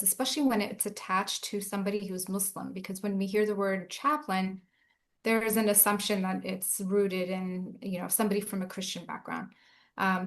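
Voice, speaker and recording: Reflective woman chaplain. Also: medium pitch. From Southern California. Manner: reflective, earnest storytelling. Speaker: chaplain, guest. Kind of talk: casual interview talk.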